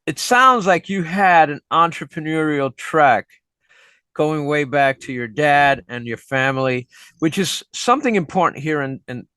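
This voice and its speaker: The interviewer, a middle-aged man who teaches, has a slightly high, sharp, expressive voice and speaks unhurriedly. His questions and remarks come out chatty, reflective and heavy with fillers, recorded cleanly without echo.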